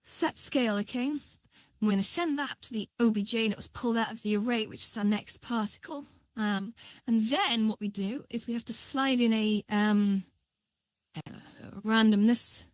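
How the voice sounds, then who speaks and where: Woman, voice changer effect, slightly high pitch, dry sound, casual live tutorial, halting think-aloud delivery. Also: no room sound. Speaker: livestream tutorial host.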